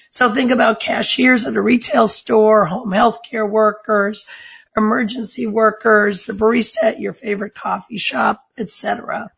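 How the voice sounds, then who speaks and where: Squeaky, hoarse woman hosting a podcast. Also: fairly bright tone, muffled recording. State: strained voice from allergies and asthma. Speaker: podcast host. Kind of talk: interview hosting.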